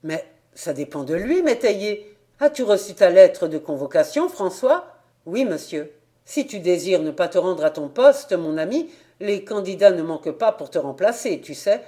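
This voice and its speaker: A woman's voice: lowish voice, big pitch swings, moderate pace, mellow. A woman reading the part of a haughty, heavyset male local councillor who speaks in a curt, condescending manner.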